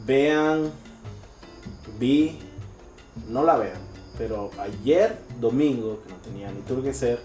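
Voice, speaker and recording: A young man, co-hosting a casual podcast in a crude, sarcastic, animated way. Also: mid-range voice, takes it slowly, pauses often, roomy sound, far from the mic, soft background music. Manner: crude, sarcastic and animated, slips into mocking voices. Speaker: podcast co-host.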